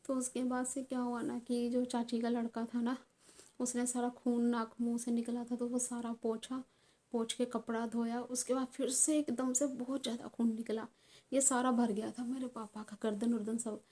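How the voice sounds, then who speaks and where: A young woman speaks to her viewers in an earnest, halting way, often pausing and restarting. Her voice sits a little high but stays flat and level. Its tone is mellow and dark. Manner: earnest, halting retelling with frequent fillers. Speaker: vlogger. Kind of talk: personal storytelling vlog.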